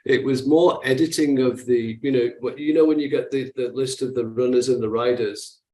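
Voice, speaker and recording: A man in his sixties from Manchester, England, with a Manchester accent, answering interview questions in a halting way full of fillers and restarts. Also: mid-range voice, mellow, echoey room, poor audio. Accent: Manchester English. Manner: hesitant, many fillers and restarts. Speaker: guest investor. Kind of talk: interview conversation.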